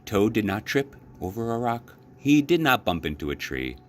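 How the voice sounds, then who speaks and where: Reading aloud from a children's book, a man with a fairly low voice takes on the manner of a library storyteller. He phrases things deliberately and expressively.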